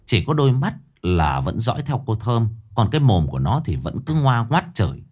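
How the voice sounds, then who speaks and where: A man narrating a spooky folk tale in an expressive, lively way. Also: medium pitch, moderate pace, breathy edge. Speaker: storyteller.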